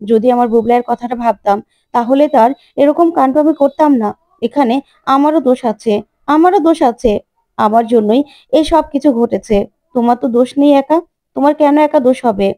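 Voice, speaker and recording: A woman's voice: high-pitched, normal speed, mellow, no echo, clean studio sound. A woman voicing a distraught, guilt-ridden mother who keeps repeating herself through tears.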